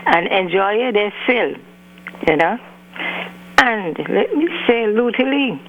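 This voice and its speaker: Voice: mid-range voice, expressive, slow. A caller with an Antiguan accent, heard over a clipped phone line, rambling through birthday greetings and stringing names together with frequent "you know". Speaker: radio call-in caller. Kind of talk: birthday shout-outs on a call-in show. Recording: faint humming phone line.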